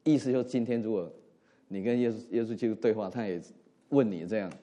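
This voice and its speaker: A middle-aged man preaching a sermon in an earnest way, swinging between emphatic rises and soft drops and slipping in English words. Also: lowish voice, fast talker. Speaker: pastor.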